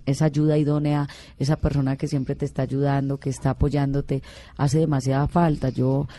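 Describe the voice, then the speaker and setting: A middle-aged Colombian singer, appearing as a guest, tells personal stories in an interview with earnest emotion and many restarts. Her voice is rumbling low and mellow, with no echo.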